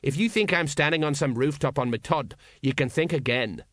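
A man's voice: a little high, a little fast, fairly bright tone, no echo, natural voice. A man reading an audiobook, voicing a nervous, blustering middle-aged sergeant in a voice close to his own.

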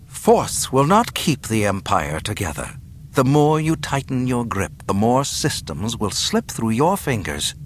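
A man acts out a proud young princess prisoner from a space-opera tale. The voice is lifted above his own and moves widely, with a sharp tongue. There is background noise. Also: on the high side, huge pitch swings, normal speed, few pauses, pitched above the performer's own voice. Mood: defiant. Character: defiant, contemptuous young princess held captive.

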